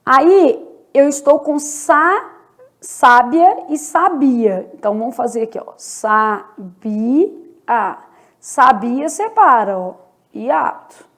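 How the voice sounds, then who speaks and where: Gravelly-voiced woman teaching slowly. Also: sits high, expressive. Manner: explains step by step, often checks in with the viewer. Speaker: Portuguese teacher. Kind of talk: online exam-prep lesson.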